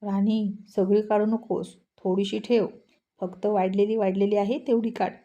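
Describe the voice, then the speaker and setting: A woman's voice: mid-range voice, little pitch movement, normal speed, mellow, lightly acted. A woman voicing a stubborn, easily irritated young husband who grumbles and snaps in a storybook tale. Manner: grumbling, snapping and scolding. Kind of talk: storybook voice acting.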